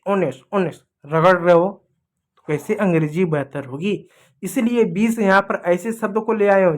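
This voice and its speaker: High-voiced Indian man drilling pronunciation. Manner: repetitive, drilling words over and over. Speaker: English pronunciation teacher. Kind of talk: classroom lesson.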